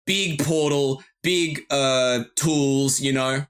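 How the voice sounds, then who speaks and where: A man who ran a tabletop game, recapping it in relaxed, casual podcast chat with lots of fillers and laughter. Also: mid-range voice, extremely slow. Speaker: game master.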